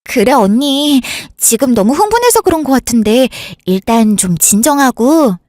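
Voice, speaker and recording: A woman voicing a breezy, offhand younger sister in a radio drama who talks briskly and brushes things off. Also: high-pitched, sing-song, a little mellow, no echo, studio quality. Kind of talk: Korean radio drama acting.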